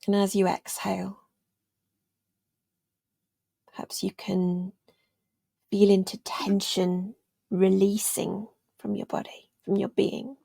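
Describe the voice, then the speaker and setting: A meditation guide and yoga teacher leads a guided meditation, speaking gently, soothingly and without hurry, with long pauses and phrases that trail off almost to a whisper. Her medium-pitched voice is husky, has vocal fry and little pitch movement, and the recording is dry.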